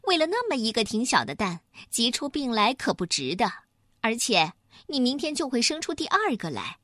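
A woman voicing a calm, sensible short-tailed hen who reasons gently. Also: fairly high pitch, moderate pace, no room sound, studio quality, full character voice. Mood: soothing.

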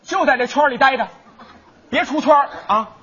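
A man's voice: extremely high pitch, moderate pace, pushed and bright. A man performing stage crosstalk comedy, teasing his partner with mock concern and put-on sobbing. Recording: dull stage recording.

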